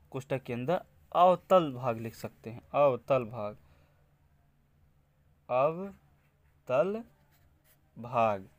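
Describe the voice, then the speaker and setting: A man from India teaches an exam-prep lesson at a very unhurried pace. He repeats each key word as he writes it out. His voice sits at an ordinary middle pitch. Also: no room sound. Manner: slow, repeats key words while writing.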